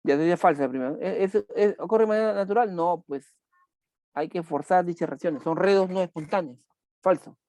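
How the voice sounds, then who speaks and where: A man's voice: sits high, a little fast, a little mellow, no echo, studio quality. A man teaching a chemistry class online, repeating key points and asking students questions as he goes.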